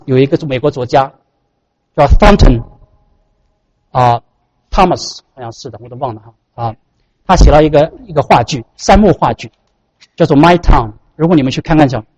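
Male pastor, husky voice, quick lively sermon delivery. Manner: animated storytelling, frequent pitch swings.

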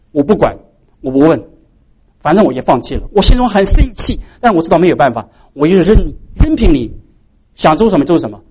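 Lively, animated male preacher. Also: sits high, slightly rough. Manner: preaching with many rhetorical questions to the congregation. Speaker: pastor. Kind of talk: sermon.

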